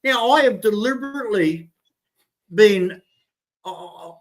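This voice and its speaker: Casting note: Kiwi man in his sixties, high-pitched, blunt and sweary, casual co-host chatter. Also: animated, takes it slowly. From New Zealand. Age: 60s. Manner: blunt, sweary, stumbling restarts. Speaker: show co-host. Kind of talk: casual chat.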